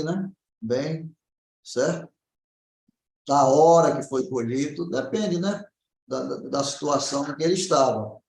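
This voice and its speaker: In a casual health consultation, a Brazilian naturopath answers questions, explaining things informally and frequently making sure his listener keeps up. His male voice sits on the high side with a slightly mellow quality, and the room adds noticeable echo.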